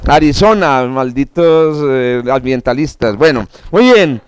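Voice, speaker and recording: A man's voice: mid-range voice, animated, unhurried, clean tone, no echo. A man teaching an astronomy course, running through quiz questions in a classroom with jokes, asides and stammered restarts. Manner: joking, digressive, with stammered restarts.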